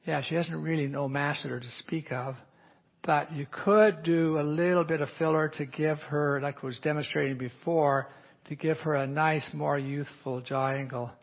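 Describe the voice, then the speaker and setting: A man's voice: on the high side, fairly even intonation, normal speed, gravelly. A man who works as an aesthetic physician, explaining a treatment plan while he marks up a patient in a live teaching demonstration, often hedging with "a little bit". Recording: dull lo-fi audio.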